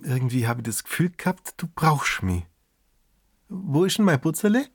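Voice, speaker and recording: A man voicing a brisk, fussing mother who chats quickly. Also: fairly high pitch, sing-song, dry recording, clean studio sound, pitched above the performer's own voice. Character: brisk middle-aged mother and wife.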